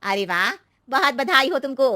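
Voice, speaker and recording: A woman's voice: high-pitched, sing-song, normal speed, bright, forceful tone, no echo, clean studio sound, voice pushed up, full character voice. Woman doing a superstitious neighbor aunty. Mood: warning. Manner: warning, knowing tone. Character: middle-aged female neighbor aunty, cautious and superstitious. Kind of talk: cartoon story voice acting.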